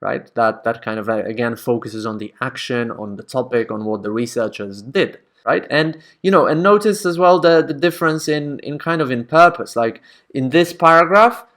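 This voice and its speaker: A man's voice: mid-range voice, normal speed, few pauses, a bit bright. Man casually explaining academic writing. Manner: conversational, checks in with frequent "right?".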